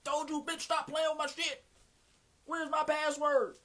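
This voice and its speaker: A man with a Southern twang voicing a furious troll father who yells and curses in a high, strained voice. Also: little pitch movement, unhurried, exaggerated voice. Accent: Southern US with a Mississippi twang. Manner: yelling, cursing, high strained voice. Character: furious male internet troll, a bullying father.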